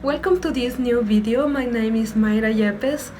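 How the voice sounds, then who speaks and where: A young woman from Ecuador talks through her advice in English, her plain in every word. Her voice sits a little high and she sounds earnest and encouraging, with faint music running softly underneath. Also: moderate pace, poor audio. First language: Spanish. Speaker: vlogger, master's student. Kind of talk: advice vlog to camera.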